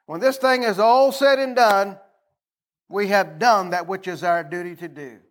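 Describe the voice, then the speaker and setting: Here a high-voiced, middle-aged American man delivers a sermon as a pastor, taking his time. His manner is homespun and conversational rather than oratorical, with repeated phrases and prompts for the congregation to respond.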